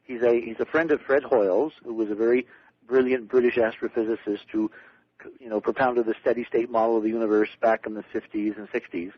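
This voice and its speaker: A middle-aged man, a guest on a late-night radio show, telling stories excitedly and repeating words as he gets going. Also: medium pitch, fairly quick, husky, no echo. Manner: excited storyteller, repeats words when starting. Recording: dull lo-fi radio broadcast.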